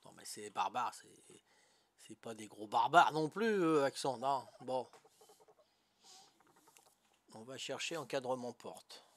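An older Corsican man chats casually while gaming on stream, good-natured and peppering his talk with "hein" and "voilà" as he keeps asking if he's doing it right. His mid-range voice is animated, with a measured pace and long pauses.

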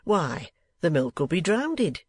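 Man doing a storybook schoolmaster, greedy, preachy, slow oily drawl, raised pitch. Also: sing-song, breathy edge, no echo, full character voice. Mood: sanctimonious. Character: greedy, sanctimonious male schoolmaster, middle-aged.

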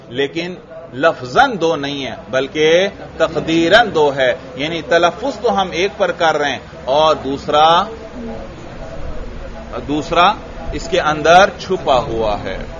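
A man with a Pakistani Urdu accent teaches a classroom grammar lesson in a slightly high voice. He keeps asking his class questions and echoing their answers back. The recording sounds dull and lo-fi. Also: slow pace, a crowd in the background.

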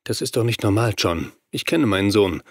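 A man's voice: fairly low pitch, expressive, moderate pace, no room sound, studio quality. A male audiobook reader voicing a worried father searching for his missing son, speaking in a tense, urgent way.

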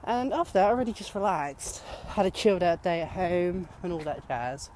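A man's voice: sits high, lively intonation, normal speed, darkish tone, a little hiss or hum. A young man chatting casually and rambling upbeat while walking outdoors, talking into a handheld camera. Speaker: vlogger. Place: outdoors walking by fields on a sunny day.

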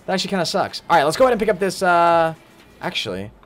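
A man commentating his live game stream, chatting along and greeting viewers by name with sudden excited outbursts. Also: sits high, very fast, faint music behind.

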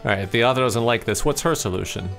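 A man's voice: medium pitch, quick pace, vocal fry, a bit bright, soft background music. A man giving a casual, playful video lesson as a test prep instructor, acting out his own thoughts while reading.

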